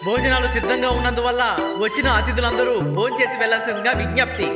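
An actor dubbing a bossy relative who orders guests about, in film dialogue over loud music. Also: male voice, very high voice, steady tone, fast, roomy sound. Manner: bossy, scolding. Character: bossy older relative at a function.

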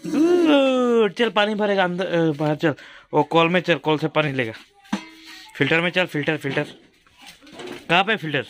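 A man's voice: fairly high pitch, moderate pace, long pauses, fairly bright tone, soft background music. A man filming a home vlog, patiently coaxing his young daughter with the same questions again and again. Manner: coaxing, repeats questions over and over. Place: home, indoors.

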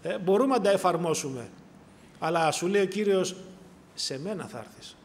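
A male preacher giving a sermon, swinging from hushed, quiet passages to raised, pleading appeals, repeatedly calling out to the brethren. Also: sits high, animated, long reverb tail.

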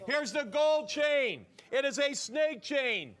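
High-voiced man repeating sales pitches. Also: expressive. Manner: fast, repetitive, urging viewers to yell sold. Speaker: shopping show host.

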